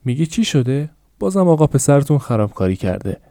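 A man voicing a bitter, shrill mother in a dark storybook family, scolding sharply and with exasperation. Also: breathy edge, no room sound, clean studio sound. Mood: scornful.

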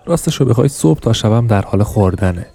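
A man voices a sour middle-aged shopkeeper from an audiobook, griping with scorn. His voice sits low and mellow. He grumbles in a plain reading tone. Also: lively intonation, creaky, breathy edge, heavily acted. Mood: scornful.

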